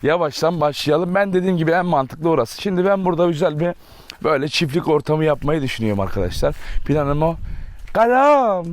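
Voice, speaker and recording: A man's voice: fairly high pitch, fast talker, a little mellow. A man chatting casually to viewers while working on his farm, filmed on a camera mic outdoors, with a doting tone when he talks to his dogs. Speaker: farm vlogger. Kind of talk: casual vlog talk to viewers. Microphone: camera mic, filming alone without a tripod.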